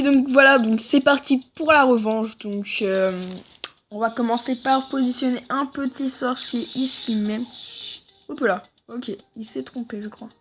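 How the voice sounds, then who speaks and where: A woman's voice: a little high, a little hiss or hum. A woman giving rambling gameplay commentary for a video, often correcting herself mid-sentence. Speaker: gaming video creator.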